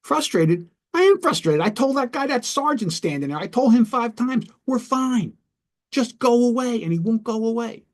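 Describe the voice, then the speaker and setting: A man's voice: extremely high pitch, sing-song, normal speed, voice pushed up. A man doing an agitated barricaded man. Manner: shouting in raised, upset outbursts.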